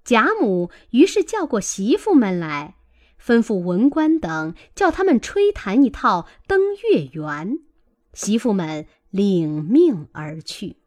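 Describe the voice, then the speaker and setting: A woman reading a classic novel aloud, in a measured, even way. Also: medium pitch. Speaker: audiobook reader.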